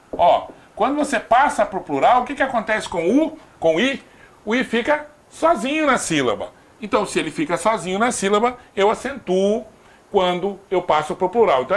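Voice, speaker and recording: A Brazilian man with a fairly high, very animated voice teaches a grammar class. He keeps checking in with short tag questions and slips in playful asides. His delivery swings up and down as he stresses each example. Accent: Brazilian Portuguese. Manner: lively, repeats "tá?" to check understanding, jokes aside. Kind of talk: recorded exam-prep grammar lesson.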